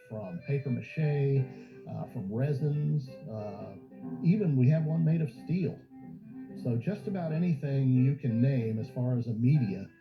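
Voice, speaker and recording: A man speaking as a museum guide in an informal documentary interview, explaining and telling stories. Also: mid-range voice. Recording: muffled audio with music behind. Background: background music.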